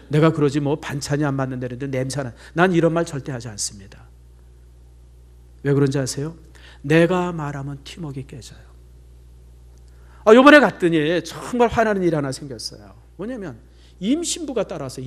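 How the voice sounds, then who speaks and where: Middle-aged male pastor, fairly high voice with big swings, chatty sermon storyteller, drops to near-whispers.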